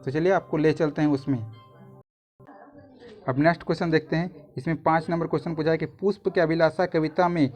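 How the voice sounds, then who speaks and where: A man's voice: fairly high pitch, steady tone, brisk, a little mellow, soft background music. A man, a YouTube tutor walking through exam answers in a casual, repetitive way that often restarts phrases.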